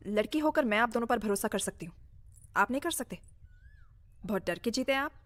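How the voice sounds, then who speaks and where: A woman's voice: fairly high pitch, animated, brisk, lightly acted. A woman playing a bold, cheeky young Bengali woman. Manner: cheeky, self-assured replies. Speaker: heroine in a dubbed action film. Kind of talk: film dubbing. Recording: film score clearly behind.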